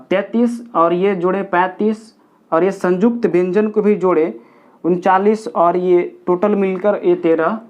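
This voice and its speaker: A man's voice: high voice, a little mellow. A man teaching a grammar lesson at a board, counting aloud step by step and repeating key points for his pupils. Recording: dull lo-fi recording.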